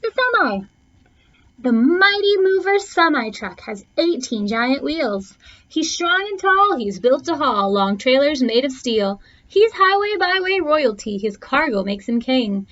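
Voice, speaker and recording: A woman gives an expressive read-aloud of rhyming children's verse at a measured pace, her high, slightly bright voice swinging widely in pitch. Key words get stretched and punched for theatrical effect. The sound quality is dull and lo-fi.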